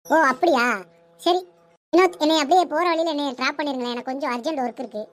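Fast high-voiced woman doing cartoon dialogue. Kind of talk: cartoon voice acting, many roles.

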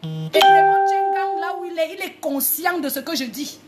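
A woman's voice: very high-pitched, big pitch swings, normal speed, over loud music. A woman singer from Cameroon delivering a heated, repetitive, confrontational rant to the camera. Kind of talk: angry video rant.

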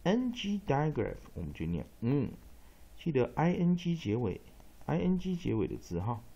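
A man teaching English pronunciation in a phonics lesson, speaking Taiwanese-accented Mandarin, spelling out letters and repeating rules, with frequent drawn-out fillers. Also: mid-range voice, gravelly, dark tone, slightly rough, highs cut off.

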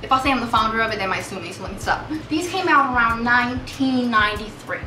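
High bright-voiced chatty woman vlogger. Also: quick pace, distant mic, a little hiss or hum. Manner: chatty, animated, laughs often. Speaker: lifestyle vlogger. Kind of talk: casual home vlog. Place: indoors in her apartment. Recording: roomy echo, away from the mic.

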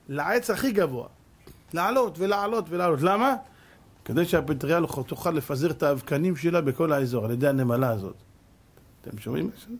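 A man, a rabbi, preaching a sermon with fervor and firing off rhetorical questions, swinging between hushed and loud delivery. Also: fairly high pitch. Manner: addresses the audience as "gentlemen".

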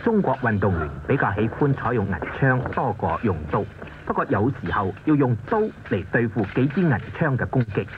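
A man reading scripted documentary narration in a lively, emphatic way, heard from a worn VHS tape copy. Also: mid-range voice, brisk, noisy background. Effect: worn VHS tape copy, muffled and lo-fi. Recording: muffled worn videotape under loud music.

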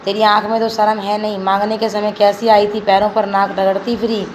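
A woman's voice: mid-range voice, flat delivery, a little fast, a little mellow, slight background noise, close to an everyday voice, rough recording. A woman voicing a stern, proud old village grandmother while reading a textbook story aloud. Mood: scolding.

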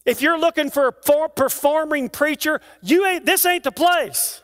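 Male pastor with a very high voice, preaching in a church, rhythmic and declamatory, talking straight to the congregation. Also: moderate pace, a bit bright. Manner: conversational asides to the congregation. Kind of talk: sermon. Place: church sanctuary.

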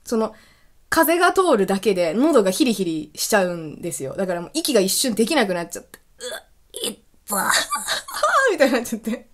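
A woman hosting a casual solo radio talk, telling stories in an animated way and laughing often. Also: medium pitch, quick pace. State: recovering from illness. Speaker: podcast host.

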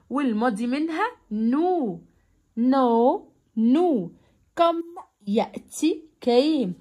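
High, husky-voiced Egyptian woman teaching English. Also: a little mellow. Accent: Egyptian Arabic. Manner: drills words slowly and repeats them, switching between English and Arabic. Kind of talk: online English lesson explained in Egyptian Arabic.

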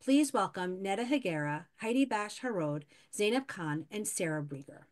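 A woman hosting a webinar, reading speaker introductions in a steady, formal way. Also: mid-range voice, normal speed. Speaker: event host.

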